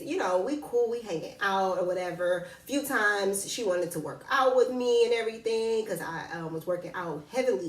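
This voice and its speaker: Woman vlogger, lowish voice, blunt slangy storyteller, recorded off-mic in an echoey room. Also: far from the mic. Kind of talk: casual storytelling about dating and zodiac signs.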